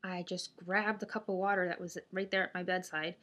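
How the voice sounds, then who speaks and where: A woman's voice: lowish voice, flat delivery, fairly quick, fairly bright tone. A woman chatting casually to camera as a vlogger, hesitant and thinking aloud, speaking with a stiff mouth and limited jaw opening after jaw surgery. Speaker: vlogger sharing surgery recovery update.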